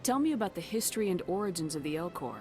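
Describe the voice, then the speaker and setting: A man playing a curious human hero in a video game, direct and brisk. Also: high-pitched, lively intonation. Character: curious human hero questioning alien diplomats. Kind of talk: video game character dialogue. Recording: game music over the voice.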